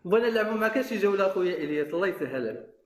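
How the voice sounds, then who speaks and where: A man's voice: sits high, expressive, racing, roomy sound, a little hiss or hum. A man in his late thirties with a Moroccan accent, calling into a live stream, affectionate and pleading. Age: 30s. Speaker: caller.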